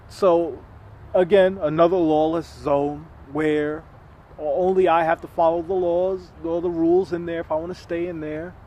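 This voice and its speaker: High-voiced man telling his story. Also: a little mellow, a little hiss or hum. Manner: earnest, rambling, frequent restarts and repeated words. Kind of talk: unscripted personal monologue.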